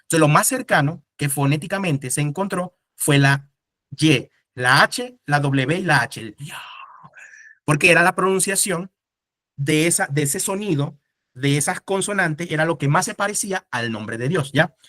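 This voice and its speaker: Man, teacher, casual classroom lecture, rhetorical questions, fairly high voice, dry close sound. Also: expressive, normal speed, bright, forceful tone, no echo.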